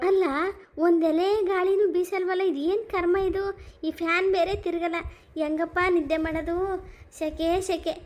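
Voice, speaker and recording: A woman's voice: very high-pitched, little pitch movement, normal speed, darkish tone, a little hiss or hum. A woman voicing a bossy, complaining elderly mother-in-law in a cartoon comedy, with whiny sighs. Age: older.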